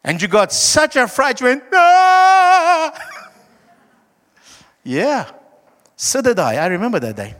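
A man with a broad South African accent preaching a conversational sermon, emphatic, with dramatic pauses and slowed, stressed phrases. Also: high-pitched, huge pitch swings, sharp tone. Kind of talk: sermon, conversational Bible teaching. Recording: echoey hall with long reverb.

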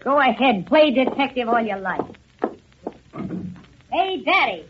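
A woman's voice: a little high, sing-song, a little slow, noisy background. An actress playing a tough, slangy young woman who claims to be a lost heiress, in 1940s radio acting, on a dull lo-fi old radio recording. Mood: defiant. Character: tough brash young woman, defiant hustler.

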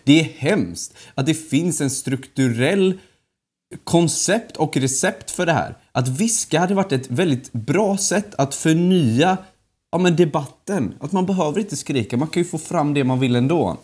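A man in a comic podcast debate, arguing calmly and earnestly for his side. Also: fairly high pitch, slightly rough.

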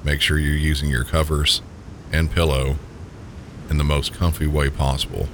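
Man, sleep story narrator, Southern US accent, extremely low pitch, soothing, calm, unhurried, clear rumbling background noise. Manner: calm, gentle, unhurried guiding. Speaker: sleep story podcast host. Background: low pink-noise rumble.

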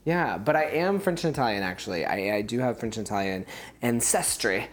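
A man with a standard American accent talks casually on a podcast. His pitch sits at an ordinary level, and he comes across as animated, giggly and quick to poke fun at himself. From United States. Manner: animated, giggly, self-deprecating. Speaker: podcast guest, actor.

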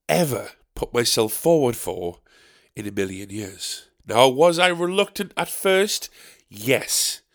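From his desk in a dark bedroom, a cold-recovering podcast host chats solo through a badly set-up desk mic. His deep, nasal, gravelly voice has a fairly bright tone, and his delivery is rambling, full of swearing and self-mocking laughter at his own mistakes.

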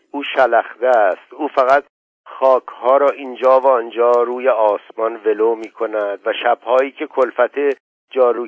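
A man's voice: medium pitch, no echo, close to an everyday voice. A man voicing an Irish man telling a dreamy tale over a drink, in a lyrical, musing manner. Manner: wistful, lyrical storytelling. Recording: dull, dry lo-fi audio.

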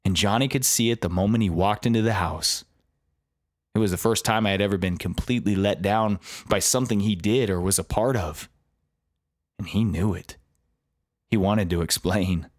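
A man's voice: fairly low pitch, normal speed, dry recording, clean studio sound. A man narrating his own memoir story in a reflective, confessional way.

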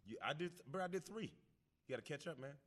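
A man's voice: on the high side, animated, fast, fairly bright tone. A man with an American accent, a comedian bantering playfully and bragging while he teases his friends. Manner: boastful, teasing.

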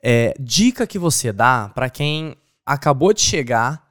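A man's voice: medium pitch, expressive, measured pace, a bit bright. A man hosting a casual interview, chatty and agreeable with jokey asides. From Brazil. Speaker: interview host.

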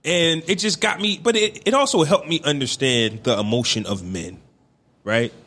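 A man's voice: on the high side, moderate pace, bright, forceful tone. A young man co-hosting a podcast in casual chat, opinionated, often checking with "right?". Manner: opinionated, makes his points with repeated checks like "right?". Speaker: podcast co-host.

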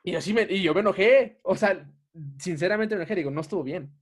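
A man's voice: sits high, fast. A young man with a Mexican Spanish accent, telling a story in a casual podcast chat and laughing often.

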